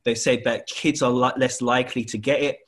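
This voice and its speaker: A man's voice: mid-range voice, steady tone, a little fast, a crowd in the background. A man chatting casually in an exasperated way, repeating his points for emphasis. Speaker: school or college staff member. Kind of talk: casual chat.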